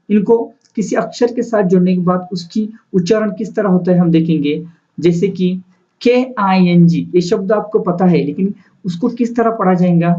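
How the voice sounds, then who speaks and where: A man's voice: high-pitched, warm tone, rough recording. A male teacher giving a spoken lesson, spelling words out letter by letter and then sounding them out in long lists for students to repeat. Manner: slow, deliberate word lists for repetition. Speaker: English teacher.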